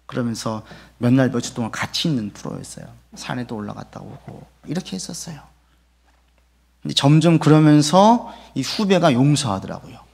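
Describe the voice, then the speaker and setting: A man's voice: medium pitch, very animated, normal speed, creaky, darkish tone, breathy edge. A male pastor preaching a sermon, telling a story, acting out the people in it and asking the congregation rhetorical questions. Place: church sanctuary.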